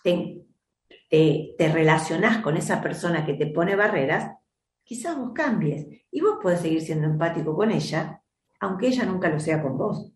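A woman's voice: lowish voice, animated, normal speed, a little mellow. Reflective Argentine woman host, echoey room. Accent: Argentine Spanish. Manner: reflective, teacherly, often checks in with listeners. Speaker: host and teacher of a self-help method. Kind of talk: advice program talk to listeners.

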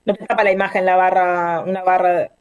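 A woman's voice: fairly low pitch, flat delivery, brisk, clean tone, dry recording, phone-quality sound. Rioplatense woman, dry rambling speech. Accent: Rioplatense Spanish. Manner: rambling, searching for words. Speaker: artist guest. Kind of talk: casual video call interview. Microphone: video call.

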